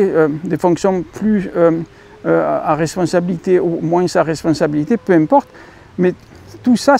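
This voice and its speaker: A man speaking with a French accent, his voice high for a man and gravelly with fry. He rambles through a casual vlog monologue, stumbling over fillers and correcting himself as he talks to his viewers. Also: mellow. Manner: rambling, many fillers and self-corrections, addresses viewers as dear friends. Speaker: YouTube channel host.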